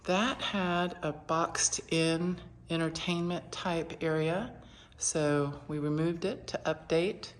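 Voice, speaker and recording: A woman narrating an informal house walkthrough in a matter-of-fact way, listing items in short phrases with pauses. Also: sits low, fairly even intonation. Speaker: property renovation presenter. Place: inside a house, walking through rooms.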